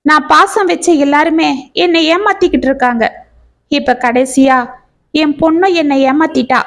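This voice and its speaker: A woman's voice: sits high, moderate pace. A woman voicing a distressed middle-aged single mother, tearful and pleading. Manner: tearful, pleading, rising and raw.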